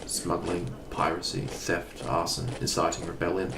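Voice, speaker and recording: A haughty Imperial baron in a space audio drama, a villain with a lowish voice. He is pompous, measured and condescending, with menace in his words and clear ambient noise around him. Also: level tone, reverberant. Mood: scornful.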